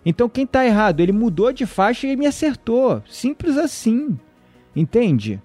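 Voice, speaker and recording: A man with a very high-pitched voice tells a story in casual conversation at normal speed, animatedly acting out the voices of the people in it. Faint music plays in the background.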